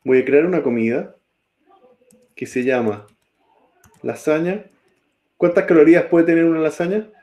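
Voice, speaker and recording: A man's voice: a little high, moderate pace, pauses often, dark tone, lo-fi sound. A man teaching a programming class, typing code as he talks and often checking that students follow. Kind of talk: live-coding class.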